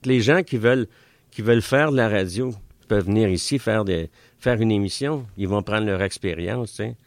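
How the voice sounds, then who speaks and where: With a lowish voice at normal speed, an older Franco-Ontarian man from Ontario, Canada, chats casually as a radio studio guest. He speaks with a Franco-Ontarian French accent, recorded dry on a studio mic. His answers ramble and are full of fillers.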